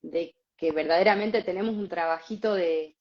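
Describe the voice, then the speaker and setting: A woman, co-hosting and telling a spiritual story in a casual, animated way with frequent laughs. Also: on the low side, normal speed, slight background noise. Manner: animated, laughs often, many fillers. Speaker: podcast co-host. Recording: slightly dull lo-fi sound.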